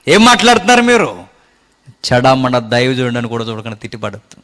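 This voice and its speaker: A man preaching a sermon earnestly, swinging from loud exclamations down to low murmurs and urging listeners to listen closely.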